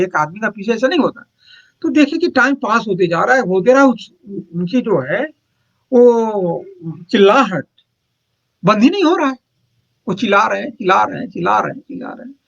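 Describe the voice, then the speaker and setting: A man's voice: high voice, highs cut off. A man, a monk, retelling a spiritual anecdote in a rambling, repetitive way, with many hesitations and checks that his listeners follow.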